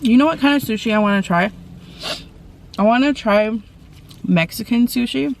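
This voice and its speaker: A woman vlogger from the Portland area chatting casually while eating, with soft mumbled asides over her food. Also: on the high side, normal speed, gravelly, a little hiss or hum. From Portland, Oregon area. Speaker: mukbang vlogger. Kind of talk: casual eating-show chat.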